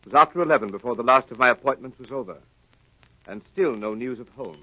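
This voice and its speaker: Brisk, bright-voiced gentleman doctor. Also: medium pitch, no echo. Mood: measured narration. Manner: brisk, formal, slightly impatient. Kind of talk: 1930s radio drama acting and narration. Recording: muffled, hissy 1930s radio recording.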